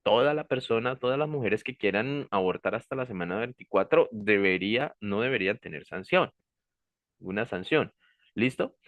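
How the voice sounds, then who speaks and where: A man's voice: fairly low pitch, expressive, normal speed, no echo. Man, teacher, classroom lecture, keeps asking if students follow, dry sound. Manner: checks understanding with frequent "¿sí?" and "¿listo?"; gives warnings like "ojo" and "pilas".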